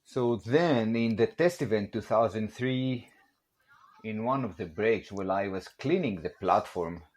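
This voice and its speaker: Speaking in a Greek accent, this podcast guest in his forties from Greece manages production for a barbell company. His voice sits on the low side, slightly mellow and measured in pace, as he swaps casual stories full of jokes, laughter, and frequent "you know"s.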